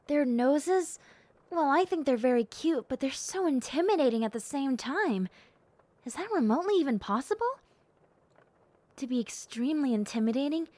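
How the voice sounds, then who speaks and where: In a roleplay audio drama, a woman plays a timid, excitable young bat-girl hybrid who is polite and gushing, letting out hesitant little exclamations. Her voice is high and the recording is dry. She sounds playfully intimidated.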